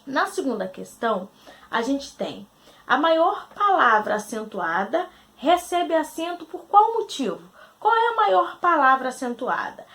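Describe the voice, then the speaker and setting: A woman teacher from Brazil reviews a quiz with a high voice that rises and falls a lot. She puts questions to the class and answers them herself, and she slows down to spell out syllables. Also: a bit bright. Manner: spells out syllables slowly and deliberately. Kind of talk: recorded grammar lesson.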